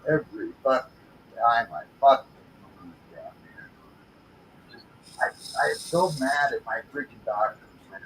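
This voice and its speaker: A man's voice: medium pitch, fairly bright tone, slight background noise, poor audio. A man talking casually on his livestream, blunt and frustrated, swearing heavily. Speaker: livestream host.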